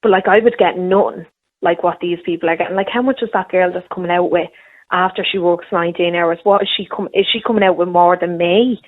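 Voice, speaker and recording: A woman's voice: lowish voice, fairly even intonation, brisk. A woman, calling in to a radio show over a phone line, chatting freely with lots of fillers. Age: 20s. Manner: chatty, full of "like" and "you know". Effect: heard over a phone line.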